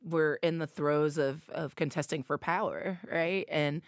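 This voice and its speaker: A woman speaks with an Appalachian accent and a gravelly fry in her voice. She answers like an activist leader in an interview, emphatic and persuasive, tagging points with short questions. The sound is dry and close. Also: low voice, steady tone, a little slow, no echo. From Appalachia, southern United States. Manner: emphatic, with rhetorical tag questions. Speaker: activist leader, co-executive director and interview guest.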